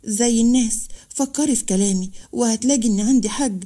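A woman's voice: a little high, fast talker, mellow, natural voice. A woman voicing an older, persuasive housekeeper, with an Egyptian accent, in a narrated story. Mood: coaxing. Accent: Egyptian Arabic. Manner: coaxing.

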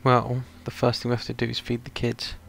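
A man with a creaky voice giving casual playthrough commentary as a gaming video host. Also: medium pitch, completely flat delivery, fairly quick, a bit bright, faint music behind. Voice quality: creaky, gravelly.

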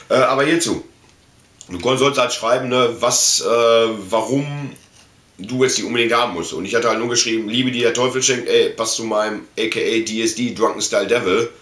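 A middle-aged German man hosts an unboxing video in a small room full of collectibles, rambling in a casual, slangy way. His voice sits at medium pitch with a slightly bright quality. The camera mic catches a roomy echo and a bit of background noise.

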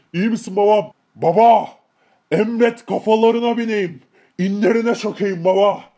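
A man voicing a hot-headed young gang son who shouts in grief and rage in a game-video drama. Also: sits high, lightly acted. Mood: anguished. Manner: shouting, enraged.

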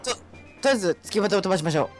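A man's voice: high-pitched, lively intonation, rapid-fire, soft background music. A man co-hosting a let's-play, teasing and joking with his partner. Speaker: co-commentator. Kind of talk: casual let's-play chat.

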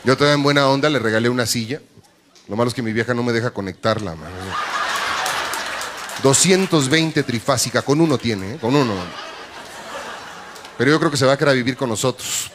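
A man's voice: fairly quick, long pauses. Brash Mexican man doing stand-up. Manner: brash, bawdy, jumps into shrill high-pitched voices for punchlines. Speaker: stand-up comedian. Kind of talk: stand-up comedy routine. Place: comedy club stage. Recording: live stage with audience crowd and noise.

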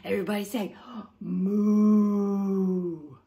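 A middle-aged woman leads an interactive picture-book read-along for young children in her living room, using an exaggerated sing-song delivery. Her mid-range voice is warm, with vocal fry and drawn-out words, though her intonation stays fairly even.

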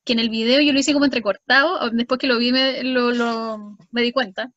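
Lively Chilean teacher woman, dry sound. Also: fairly high pitch, a little fast, no echo, muffled recording. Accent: Chilean Spanish. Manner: lively, speeds up and stretches sounds. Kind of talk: explaining a reading strategy.

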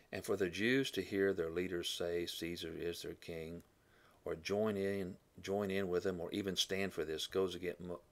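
This man, speaking in a low voice, delivers a classroom-style Bible lesson, thinking aloud with fillers, correcting himself, and repeatedly clearing his throat.

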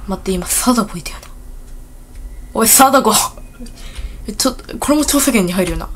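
A woman hosting a casual gameplay video, rambling and excitable with blunt, rough speech, talking a little thickly from a bitten tongue. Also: mid-range voice, moderate pace, a little hiss or hum. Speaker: gaming video host.

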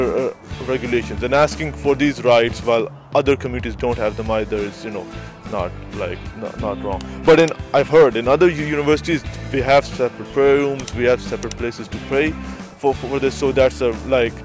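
A young male student answering street interview questions outdoors, hesitant with many fillers and restarts. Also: mid-range voice. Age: young adult. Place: outdoors on a city street by trees. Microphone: handheld shotgun mic held by interviewer.

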